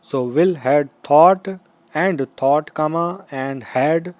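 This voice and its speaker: A man reading a slow school dictation aloud, in measured, deliberate short phrases with pauses. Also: a little high, a little mellow, no room sound. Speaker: dictation reader. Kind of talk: slow school dictation, read aloud with punctuation marks spoken.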